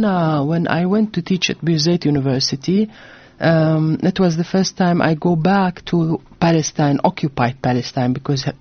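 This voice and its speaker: Speaking low in a radio studio, a woman from Jordan, an author touring her book, recounts her family's history with earnest fillers and restarts. The sound is lo-fi, with no room acoustics.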